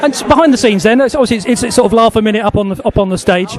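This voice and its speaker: A man's voice: high voice, rapid-fire, some chatter behind. A British man asking casual questions as an interviewer.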